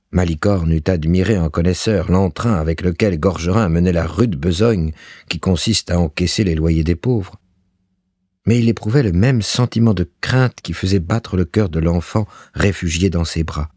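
A man narrating a story in a measured, expressive way. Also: low voice, husky, dry recording, studio quality.

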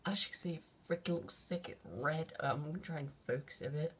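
A teenage guy excitedly narrating a quick phone video, rambling with lots of fillers and casual slang. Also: fairly high pitch, slightly rough. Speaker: vlogger. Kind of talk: excited off-the-cuff phone commentary. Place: at home by an open window at night. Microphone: phone held out of a window.

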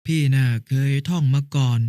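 A man's voice: mid-range voice, moderate pace, mellow, no room sound, clean studio sound, lightly acted. A man playing a patient older brother who explains a lesson step by step in an educational cartoon.

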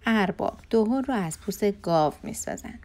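A woman's voice: medium pitch, lively intonation, a little mellow, lightly acted. A woman voicing a timid young village servant girl in a children's storybook, speaking in a hesitant, deferential way. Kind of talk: storybook character voice.

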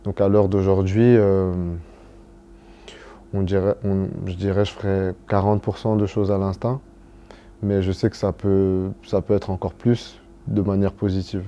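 A man's voice: sits low, flat delivery, a little slow, mellow, highs cut off. A young man from Cameroon, raised in Belgium, answering interview questions in a hesitant way, with many fillers and restarts. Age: young adult. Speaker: footballer being interviewed.

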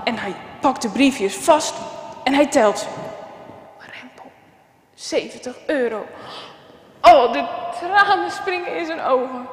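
A woman telling a children's story in an expressive, dramatic way, recorded in a church. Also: high voice, a little slow. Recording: echoey church with long reverb.

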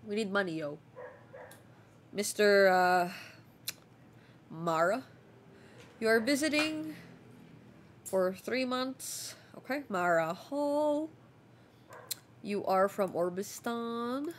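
A woman's voice: mid-range voice, animated, slow, long pauses, slight background noise. A woman giving playful gameplay commentary while role-playing a border officer. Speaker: game streamer.

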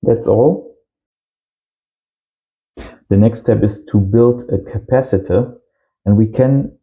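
The host of an amateur radio channel, a man in his thirties, gives a casual hands-on tutorial in simple short phrases from a small indoor home workshop. His voice is medium-pitched with vocal fry, and the recording sounds muffled.

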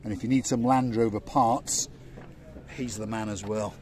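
Strolling a seaside harbour promenade with a handheld phone, an older vlog host jokes and chats like a tour guide. He has a lowish, slightly mellow voice, fairly even intonation and a moderate pace, with faint outdoor noise around him.

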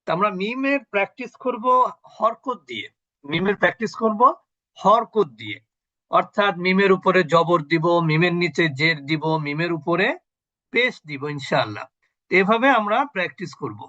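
A man's voice: high voice, lively intonation, moderate pace, sharp tone, dry recording, dull audio. A man teaching an online Quran recitation class on a video call, patiently quizzing his students and repeating sounds for them.

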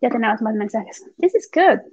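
A woman teaching an online English class, mixing explanations with slow, drawn-out English examples. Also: on the high side, animated, husky. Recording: muffled lo-fi online class audio.

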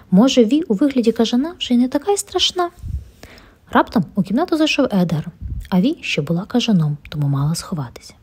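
A woman reading a children's bedtime story aloud in a gentle, expressive way, with a breathy voice. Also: on the high side.

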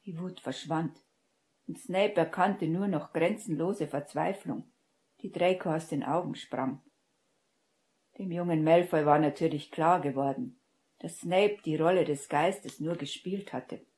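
A woman narrates a fan-fiction audiobook in a steady, measured reading. Her voice sits very low for a woman and has a dark, mellow tone. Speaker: audiobook reader.

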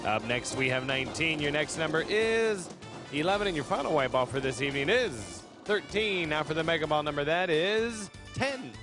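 A man's voice: fairly high pitch, lively intonation, moderate pace. Upbeat male lottery draw host over music. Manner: upbeat showman announcer. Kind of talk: scripted lottery draw announcing, reading out numbers. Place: TV studio. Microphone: handheld microphone.

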